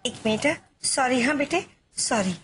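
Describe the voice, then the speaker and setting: A woman's voice: sits high, expressive, a little slow. An actress playing a middle-aged mother who dotes on her family and scolds her son in a theatrical way. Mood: coddling. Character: doting melodramatic mother of a grown son. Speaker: mother-in-law.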